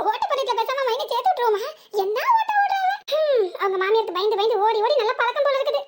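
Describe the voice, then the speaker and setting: Cartoon village wife, southern Tamil Nadu accent, very high and quick, teasing and gossipy, a woman voicing her, over a noisy background. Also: lively intonation. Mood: grumbling asides. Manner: fast gossipy asides muttered to herself. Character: chatty young village wife, sly and teasing. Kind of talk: comic cartoon voice acting.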